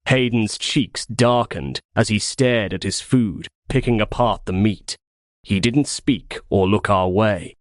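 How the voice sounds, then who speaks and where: A man reading a first-person novel as an audiobook with expressive storytelling. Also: lowish voice, slow, dry recording, studio quality. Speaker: audiobook narrator.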